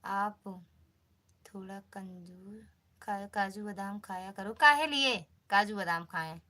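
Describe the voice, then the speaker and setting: A woman's voice: medium pitch, slow, bright, forceful tone. A woman with an Awadhi accent hosting a casual phone live stream, greeting viewers by name and answering their comments. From northern India.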